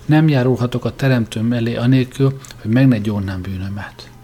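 A man's voice: mid-range voice, warm tone, lightly acted. A man voicing a dying woman who pleads frantically to confess. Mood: pleading. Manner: pleading, raised.

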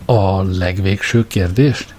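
Vast supercomputer as a man reads it, solemn, orotund, slow, darkish mellow tone. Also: deep voice. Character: vast solemn supercomputer, male, grand and patient.

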